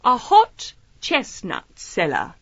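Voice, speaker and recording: Hilary Caine, lilting, breezy sleuth. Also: female voice, mid-range voice, wildly swooping pitch, takes it slowly, no room sound, muffled recording, full character voice. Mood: slyly probing. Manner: chatty, airily polite, disarming. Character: shrewd, breezy female amateur detective, feigning innocence. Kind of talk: audio drama acting, period mystery.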